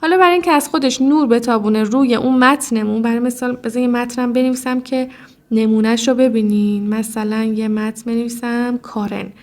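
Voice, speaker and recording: A woman's voice: fairly high pitch, steady tone, darkish tone. A woman guiding viewers step by step through a mobile video editing app, talking to them directly. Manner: explanatory, addresses viewer directly, frequent "look". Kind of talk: step-by-step screen tutorial.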